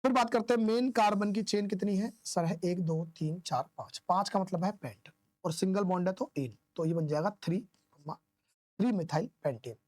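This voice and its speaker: A man's voice: sits high, normal speed, a little mellow, no room sound. A man teaching chemistry in a classroom-style lecture, asking questions and answering them himself while counting aloud. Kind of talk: classroom lecture explaining isomer naming.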